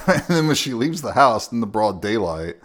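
A man's voice: on the low side, big pitch swings, moderate pace. A man co-hosting a podcast, casually recapping a film, laughing often and swearing now and then. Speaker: podcast co-host.

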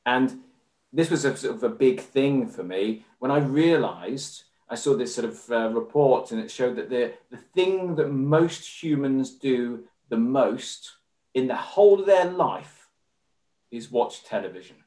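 A man's voice: medium pitch, animated, dark tone. English man with a roomy echo. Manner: measured and formal, with many fillers. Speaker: podcast guest. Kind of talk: conversational interview.

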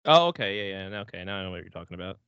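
A man's voice: low-pitched, expressive, rapid-fire, a bit bright, clean tone, dry recording, lo-fi sound. A man hosting a sports podcast with casual, slangy, bro-ish banter and loose swearing. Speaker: hockey podcast host.

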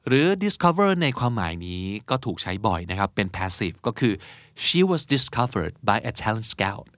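A man's voice: lowish voice, big pitch swings, slow, fairly bright tone, dry recording, clean studio sound. A young adult man hosting a casual vocabulary lesson, chatting through explanations and spelling words out letter by letter. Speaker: English teacher and host.

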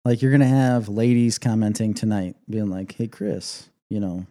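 A man's voice: on the low side, moderate pace, warm tone. A man in his forties hosting a casual podcast chat, joking and rambling. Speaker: podcast host. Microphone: headset.

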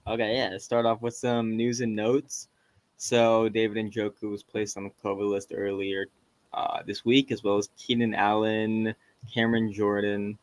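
A man's voice: lowish voice, level tone, normal speed, dry recording. A man co-hosting a podcast, talking sports in a casual, conversational way. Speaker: podcast co-host.

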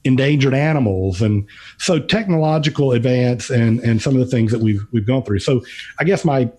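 Mellow-voiced man, halting podcast commentary. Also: mid-range voice. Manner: halting, repeating words as he thinks aloud. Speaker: podcast's featured financial commentator.

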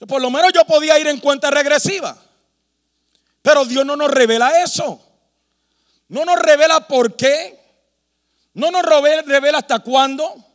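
A man's voice: extremely high pitch, measured pace, long pauses, long reverb tail. A man preaching a sermon with emphasis, rhetorical questions and humorous asides. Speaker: pastor.

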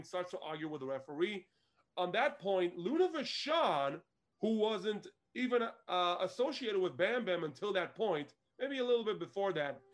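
High-voiced man recapping wrestling. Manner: animated storytelling, laughs often. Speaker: podcast co-host. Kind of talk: casual wrestling recap chat.

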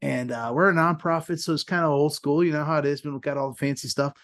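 A lively male podcast host in his thirties with a fairly high voice, telling stories in a relaxed, chatty way. He laughs often and acts out the lines of the people in his story. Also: quick pace. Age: 30s. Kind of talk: casual storytelling in an interview.

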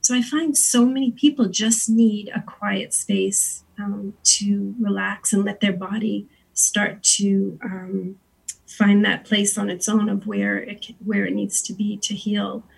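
Female sound-healer guest, husky with vocal fry, gently instructive, somewhat halting. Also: mid-range voice, flat delivery, rough recording. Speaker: interview guest, sound healer and Reiki practitioner. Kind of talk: unscripted interview, explaining and giving gentle guidance.

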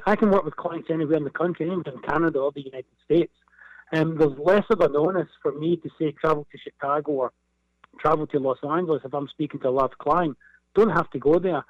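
A man with a broad Scottish accent talks as an interview guest in a fairly high voice. He chats conversationally and doubles back on words for emphasis. The sound is dry and a little dull, like a lo-fi call. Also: dry recording. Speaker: business guest.

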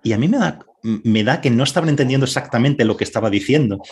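A man's voice: medium pitch, expressive, fast, darkish tone. A man interviewing a guest, thoughtful and searching for words as he speaks. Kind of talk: conversational interview.

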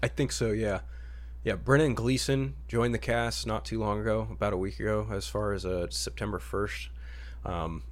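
This podcast host, a man, discusses superhero films in an easygoing, conversational way. His voice runs on the low side, with a steady tone and normal speed.

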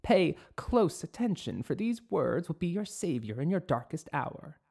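A man's voice: fairly high pitch, sing-song, vocal fry, a little mellow, husky, pitched above the performer's own voice, heavily acted. A man voicing a wise old mysterious witch. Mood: solemn. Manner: slow solemn warnings.

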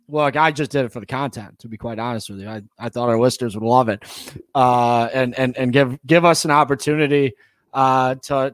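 A man's voice: mid-range voice, clean tone, dry recording. An American man hosting a casual sports podcast, emphatic and repeating phrases for effect. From United States. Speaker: podcast host.

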